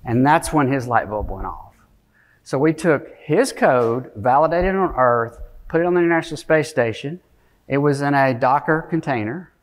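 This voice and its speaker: A middle-aged conference keynote speaker, medium-pitched and animated at a moderate pace, talks the audience through technical material from the podium area. The tone is informal and conversational. Tag questions like "okay?" and "right?" come up constantly, along with regular throat clearing.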